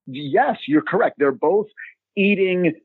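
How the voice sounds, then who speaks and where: Husky man on a phone-like line. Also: sits high, expressive, takes it slowly, no room sound. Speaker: podcast co-host. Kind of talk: casual comic chat about an old TV show. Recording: roomless, dull phone-like line.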